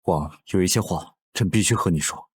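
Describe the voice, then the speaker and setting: An actor playing an indulgent, commanding emperor in a costume drama, with stately, measured speech and a husky voice. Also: male voice, low-pitched. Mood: tender, earnest. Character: indulgent, commanding emperor devoted to his consort.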